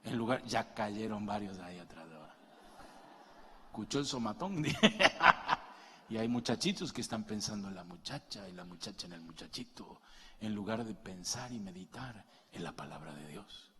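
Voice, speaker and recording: A middle-aged man preaching a sermon, moving between quiet asides and loud, passionate peaks as he calls his listeners brother. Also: on the low side, expressive, moderate pace. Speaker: pastor. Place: church hall. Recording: long reverb of a large hall.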